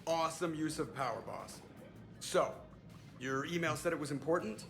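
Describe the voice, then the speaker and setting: A cocky, wisecracking pilot. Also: male voice, on the high side, moderate pace, a bit bright. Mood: joking. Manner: sarcastic, joking. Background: game music.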